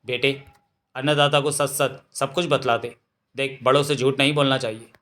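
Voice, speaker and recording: A man's voice: medium pitch, level tone, moderate pace, fairly bright tone, close to an everyday voice. A man voicing an anxious village mother who scolds her son, in a storybook reading. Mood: pleading.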